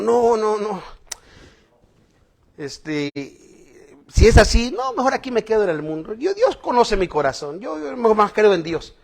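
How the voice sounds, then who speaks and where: High-voiced bilingual preacher man. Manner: switches between Spanish and English, animated with laughs. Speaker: bishop preaching. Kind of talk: bilingual sermon.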